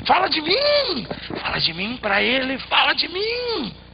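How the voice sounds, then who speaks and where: A man's voice: huge pitch swings, a little slow, creaky, exaggerated voice. A man doing a dying, frantic wolf. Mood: frantic begging. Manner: frantic begging, high and strained. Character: dying male wolf, desperate and pleading. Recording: slightly muffled, faint background noise.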